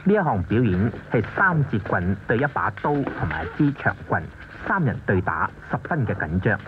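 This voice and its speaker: Lively male narrator on worn tape. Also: fairly low pitch, normal speed, background noise. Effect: worn VHS tape copy, muffled and lo-fi. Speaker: documentary narrator. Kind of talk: scripted narration. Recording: muffled worn videotape under loud music.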